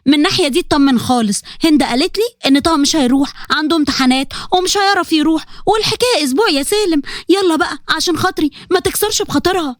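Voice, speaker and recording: A woman's voice: high voice, rapid-fire, few pauses, no echo, clean studio sound, lightly acted. A woman voicing a caring middle-aged wife and mother with an Egyptian accent. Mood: coaxing. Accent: Egyptian Arabic. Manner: coaxing, concerned.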